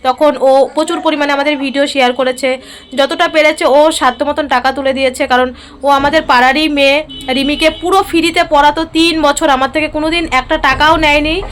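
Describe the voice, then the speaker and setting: High-voiced, hurried mother vlogging. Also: steady tone, slight background noise. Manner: hurried, chatty, many fillers. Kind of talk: casual vlog narration.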